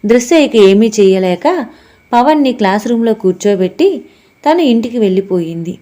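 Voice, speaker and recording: A woman narrating a family audiobook story in a steady, expressive storytelling manner. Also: mid-range voice, normal speed. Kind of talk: scripted narration.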